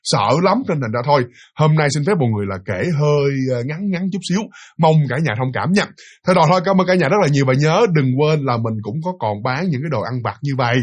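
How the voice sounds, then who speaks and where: A man with a Southern Vietnamese accent, hoarse from a cold, telling a story to his listeners in a chatty, casual way. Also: fairly high pitch, expressive, fast. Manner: chatty, addresses listeners directly, many fillers. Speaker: storyteller and channel host.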